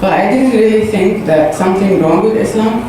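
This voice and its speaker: In a church hall, a guest from Saudi Arabia, with Arabic as her first language, gives earnest personal testimony to the congregation, halting and filling pauses. She has a mid-range voice, and the recording is echoey, distant, and noisy.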